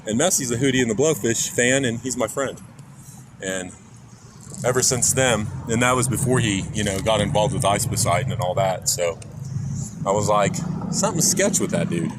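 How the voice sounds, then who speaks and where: A man's voice: on the low side, expressive, moderate pace. A man from Kansas rambling casually on a live stream, chatting to viewers and reading out chat as he talks, recorded on a phone outdoors near traffic. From Kansas, USA. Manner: rambling, jokey, reads chat aloud. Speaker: IRL streamer. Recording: phone recording with clear traffic noise outside.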